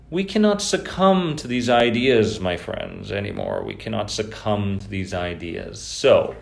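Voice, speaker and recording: Low-voiced man chatting on a live stream. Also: creaky. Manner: loose and conversational, greets viewers by name. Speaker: host of an anxiety recovery live stream. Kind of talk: casual live-stream talk to viewers. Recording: echoey room.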